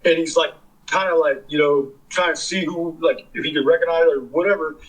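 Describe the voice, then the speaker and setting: Interview guest, fifties, from the Bay Area: a husky, fairly high male voice with a profane, rambling storyteller's delivery. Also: steady tone, fairly quick, a bit bright, rough recording. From California Bay Area. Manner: rambling, profane, filler-heavy. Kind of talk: casual storytelling.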